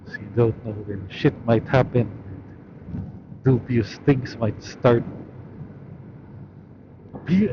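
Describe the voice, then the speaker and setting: A man's voice: medium pitch, takes it slowly, pauses often. Muffled man rambling inside a motorcycle helmet. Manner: musing aloud, offhand, with swearing. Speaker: motorcycle vlogger. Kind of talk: rambling casual commentary while riding. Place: inside a helmet, riding a motorcycle outdoors at night. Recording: muffled helmet audio, loud engine and wind noise.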